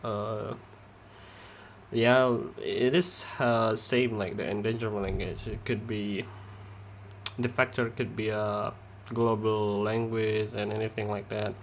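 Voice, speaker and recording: This student presenter, a young man from Indonesia speaking English with an Indonesian accent, stumbles through a class talk full of pauses and restarts. His pitch sits fairly low with a level tone, captured on lo-fi audio with slight hiss or hum.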